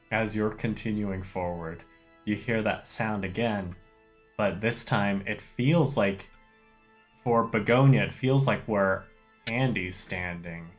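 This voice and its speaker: A man narrating an improvised tabletop game as the game master. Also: lowish voice.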